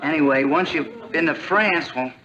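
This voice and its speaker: An actor playing an earnest, jealous teenage boyfriend in a 1960s TV sitcom. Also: male voice, on the high side, moderate pace, pushed and bright. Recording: dull old TV soundtrack.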